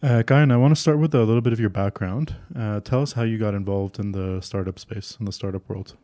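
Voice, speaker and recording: A man's voice: on the low side, fast talker, mellow, no room sound, studio quality. A man hosting a podcast, reading a scripted introduction and then asking his guest questions. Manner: scripted intro, brief prompts. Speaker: podcast host. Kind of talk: interviewing.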